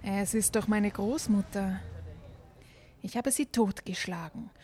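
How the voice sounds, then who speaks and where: A woman's voice: medium pitch, slow pace, darkish tone, natural voice. A woman voicing a greedy, violent peasant man who speaks bluntly.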